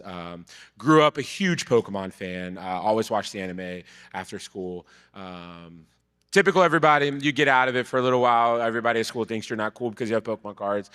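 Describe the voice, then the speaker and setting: A man in his thirties from Brazil, telling his story as a podcast guest in relaxed, casual talk that trails off quietly. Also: on the low side, clean tone. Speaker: podcast guest, card vendor. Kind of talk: casual chat. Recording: live event hall with long reverb.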